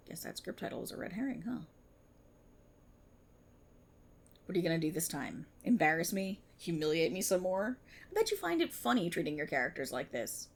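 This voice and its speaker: In an ASMR roleplay, a woman plays a sardonic, menacing, resentful police officer, her breathy, somewhat high voice delivered in a mocking, theatrical way. The mood is bitter and hurt.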